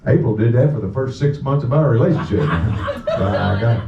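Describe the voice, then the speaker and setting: A man performs a live stage hypnosis comedy act, bantering crudely and profanely with the crowd. His medium-pitched voice is lively, moderately paced, and has some vocal fry. An audience camera far from the stage captures the indoor venue, so the sound is distant, muffled, echoey, and noisy.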